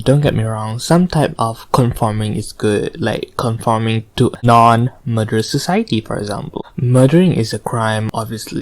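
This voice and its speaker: A man's voice: mid-range voice, a little mellow, no room sound. A man chatting casually and hesitantly as host of an eating show, sharing opinions and stories between bites of cookies. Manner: informal, hesitant, opinionated storytelling; eats cookies between remarks. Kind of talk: casual rambling mukbang chat to viewers.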